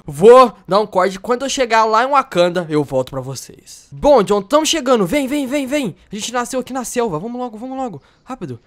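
A young Brazilian man hosting excited Minecraft role-play commentary, yelping and laughing often. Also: extremely high pitch, brisk, few pauses. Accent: Brazilian Portuguese. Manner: animated, yelps and laughs often. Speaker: host.

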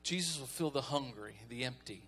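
A man's voice: medium pitch, expressive, brisk, fairly bright tone, a little hiss or hum. A man preaching a folksy, conversational sermon as pastor, calling on the congregation to respond.

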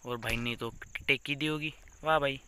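A man's voice: mid-range voice, steady tone, normal speed, sharp tone, a little hiss or hum. A young man giving casual, joking gameplay commentary as a gaming YouTuber, teasing the baby on screen.

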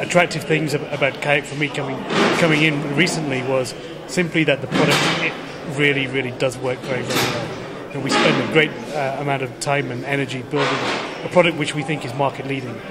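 A man in his thirties, a company executive giving a conference interview in a measured, polished way, often restarting words. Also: mid-range voice, heavy background noise. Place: large indoor conference hall. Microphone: handheld camera close to the face.

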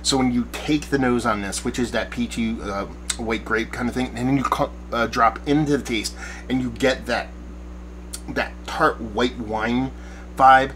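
A man's voice: medium pitch, fairly even intonation, a little slow, a bit bright, a little hiss or hum, poor audio. Bearded man rambling through a beer review. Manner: rambling, searching for words, enthusiastic. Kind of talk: casual beer review to camera. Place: backyard shed studio at night, small room.

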